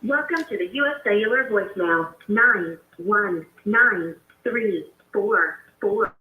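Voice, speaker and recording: A woman's recorded voicemail greeting heard over a phone line, delivered as a flat, measured system prompt. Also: mid-range voice. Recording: tinny, echoey phone line.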